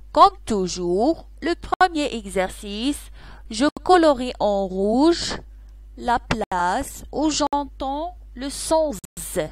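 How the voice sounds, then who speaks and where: A woman teaching young children a lesson, who repeats each word slowly and keeps asking whether they follow. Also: a little high, no room sound. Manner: slow, repeats words, asks "d'accord?" often.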